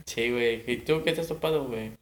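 A man's voice: mid-range voice, quick pace. A man with a Mexican accent hosting a casual podcast chat, slangy and cursing freely as he steers the talk. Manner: slangy, swears, leads the talk. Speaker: podcast host. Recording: roomy recording.

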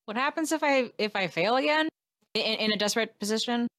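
Animated woman playing a tabletop game. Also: on the high side, a little fast, dry recording, studio quality. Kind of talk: casual in-game chat.

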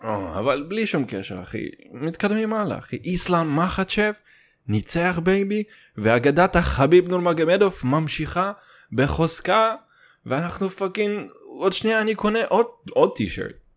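A young man speaks Hebrew with a Russian accent in a fairly high, very lively voice that swings up and down. He rambles like a solo comedy host, crude and slangy, peppering his talk with swearing and English. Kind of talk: casual comedic rambling monologue.

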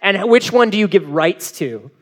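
A man's voice: high voice, animated, normal speed. A man hosting a live podcast panel at a convention, rambling and jokey with plenty of filler. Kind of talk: casual comedic banter.

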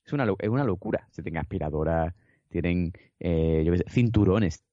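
A man's voice: deep voice, fairly quick, warm tone, no echo. A man co-hosting a podcast, chatty and enthusiastic. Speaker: podcast co-host. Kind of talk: casual podcast chat. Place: home, over a Skype call. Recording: dry, slightly dull call audio.

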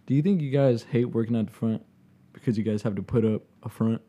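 A young man chatting casually with friends, cracking jokes and reacting quickly. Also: medium pitch, mellow, breathy edge. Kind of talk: casual chat among friends.

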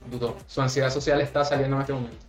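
A man with a Venezuelan accent hosting a casual podcast, teasing his guest with quick joking questions from a table mic at home. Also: medium pitch, level tone, roomy sound, soft background music. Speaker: podcast host. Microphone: studio microphone on table.

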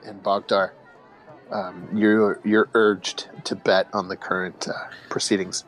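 A man running a tabletop game as game master, narrating haltingly with many fillers and frequent laughter. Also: deep voice, level tone, fairly bright tone, a faint crowd, low-quality recording.

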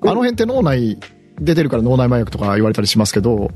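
A person chatting casually and explaining things in an animated way, with hedges and quick repeated acknowledgements. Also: mid-range voice, husky, soft background music.

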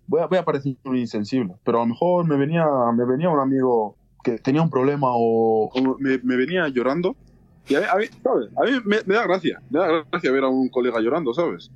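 A young man co-hosting a podcast, speaking candidly with many halting repeats. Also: mid-range voice, expressive. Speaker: podcast co-host. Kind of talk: casual chat. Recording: dull, dry lo-fi sound.

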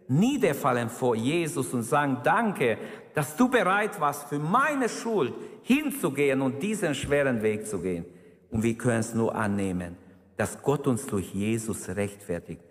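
A man preaching a sermon with fervent, emphatic delivery and exclamations of praise. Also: mid-range voice. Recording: reverberant hall.

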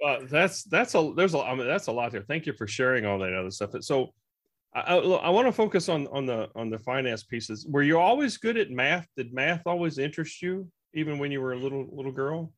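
A man hosts his own podcast in a loose, joking way, wandering off on tangents and stumbling into restarts. His voice sits at a middle pitch for a man. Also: animated, fairly quick, a bit bright. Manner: rambling, joking, repeated restarts. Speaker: podcast host. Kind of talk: casual interview conversation.

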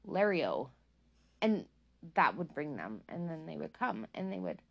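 A woman chats casually as a guest, giggly and quick to poke fun at herself. Her pitch swoops up and down in a very animated way. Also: creaky, lo-fi sound. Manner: giggly, self-deprecating. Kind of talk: casual chat.

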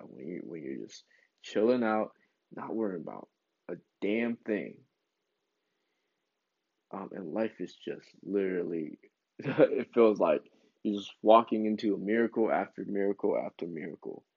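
A man's voice: on the low side, creaky, a little mellow, no room sound. A man giving a casual, encouraging spiritual pep talk in an informal, rambling way, as a self-help vlog host. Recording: dull lo-fi sound.

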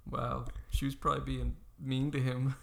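A man's voice: medium pitch, flat delivery, gravelly, a bit bright. A man co-hosting a casual chat, cutting in with short teasing jokes. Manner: teasing, quick jokey interjections. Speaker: podcast co-host.

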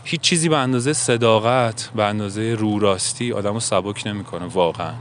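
Earnest musing man, faint traffic behind. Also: lowish voice. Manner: earnest, musing, asks himself questions. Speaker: self-help podcaster. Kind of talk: reflective monologue.

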